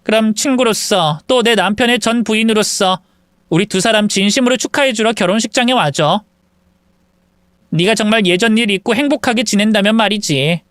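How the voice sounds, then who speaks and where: A woman's voice: mid-range voice, normal speed, dry recording, clean studio sound, lightly acted. A woman voicing a vindictive young woman who smugly taunts her former friend over the phone in a drama story. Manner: taunting, smug, cruel. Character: gloating vindictive young woman, husband-stealer. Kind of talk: acted phone quarrel in a story video.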